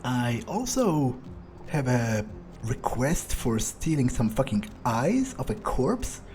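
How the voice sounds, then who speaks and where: A man's voice: medium pitch, sing-song, slow, a little mellow, soft background music. A man improvising an in-character gameplay monologue as a sardonic vampire, musing hesitantly and casually to himself with dry, morbid humor. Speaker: let's player role-playing a character.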